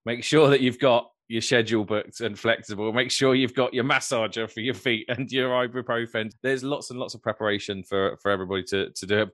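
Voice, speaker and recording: A man's voice: on the low side, fairly bright tone, no echo, studio quality. A man hosting a podcast, upbeat and effusive as he wraps up the episode. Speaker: podcast host. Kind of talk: casual podcast chat.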